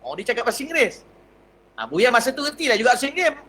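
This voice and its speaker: A Malaysian man with a Malay accent, a religious teacher telling a personal story in a lively, anecdotal lecture. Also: very high-pitched, rapid-fire, husky, low-quality recording. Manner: lively anecdotal telling, acts out dialogue, chuckles.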